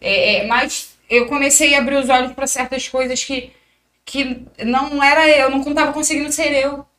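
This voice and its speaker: Woman fighter, interview guest; high, bright voice, animated storyteller who acts out quotes. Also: normal speed.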